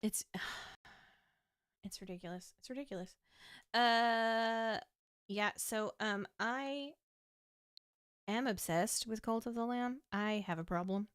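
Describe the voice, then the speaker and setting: A woman's voice: a little high, extremely slow, long pauses, fairly bright tone, clear, resonant tone, no echo, studio quality. Chatty young woman streamer. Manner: chatty and rambling, frequent laughs and restarts. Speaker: VTuber streamer. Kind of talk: casual livestream chat while gaming. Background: faint game music.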